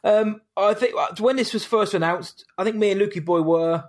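A man's voice: high voice, moderate pace. A man co-hosting a podcast in a laid-back, matey, rambling way. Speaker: podcast co-host. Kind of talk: casual podcast chat.

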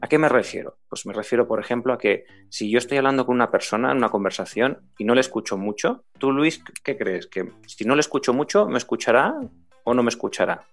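A middle-aged man talks through communication principles in a measured teaching voice. He asks his co-host questions along the way. Faint music plays behind him. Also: medium pitch, expressive. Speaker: communication trainer. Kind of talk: explanatory talk.

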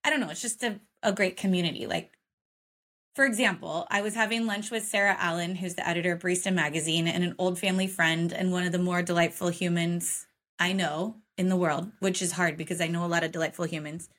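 A woman from Oregon, United States, co-hosts a coffee business podcast from home with a forest view, chatting casually with lots of fillers and frequent laughter. Her voice is on the low side, fairly bright and fairly even, and she speaks quickly.

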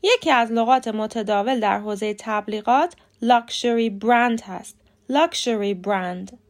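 A woman who hosts a podcast and teaches English pronunciation, speaking clearly and in measured steps, spelling words out letter by letter. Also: on the high side. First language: Persian. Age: adult with a young son. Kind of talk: short scripted lesson.

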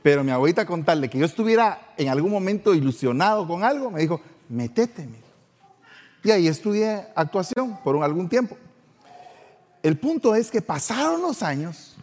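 A middle-aged man, telling a personal story in a playful, animated way. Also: fairly high pitch, long reverb tail. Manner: animated, playful, acts out voices. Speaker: podcast host.

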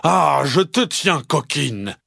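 A man voicing a big, gruff papa bear in a children's story, speaking loudly with a growl. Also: fairly high pitch, sing-song, slow, no echo, clean studio sound, voice pushed up, exaggerated voice. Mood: gruff, angry. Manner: loud, growling.

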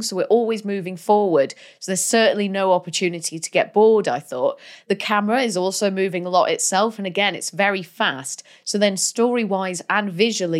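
A woman co-hosting a podcast, chatting casually about a film with lots of fillers and easy laughter. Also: medium pitch. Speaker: podcast co-host. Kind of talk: casual film review chat.

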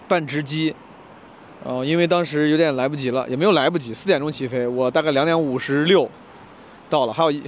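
A man telling a story in a casual vlog, animated and acting out a quarrel in a raised voice. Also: mid-range voice, a little hiss or hum. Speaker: comedian vlogger.

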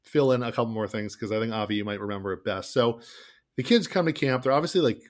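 A man's voice: medium pitch, quick pace. A man co-hosting a podcast, recapping a film in casual chat, rambling with many fillers. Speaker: podcast co-host.

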